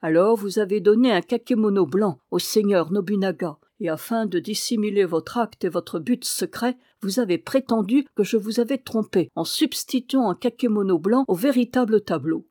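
A woman's voice: medium pitch, moderate pace, few pauses, mellow, dry recording, studio quality, lightly acted. A woman reading aloud as a sly, mocking old man who talks back boldly to his accusers. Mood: accusing. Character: sly old male wandering sage, mocking and bold.

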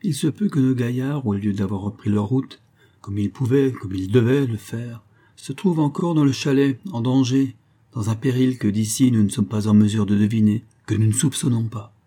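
A man's voice: mid-range voice, moderate pace, dark tone, close to an everyday voice. A man voicing a confident adult male chief mountain guide in a read-aloud story, explaining things in a practical, reassuring way. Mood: earnest.

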